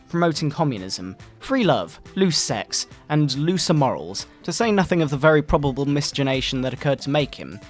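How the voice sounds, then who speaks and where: In a satirical scripted reading, a man plays a pompous fundamentalist doctor who sermonizes with theatrical indignation. His slightly high voice swings widely in pitch, and retro video game music plays softly in the background.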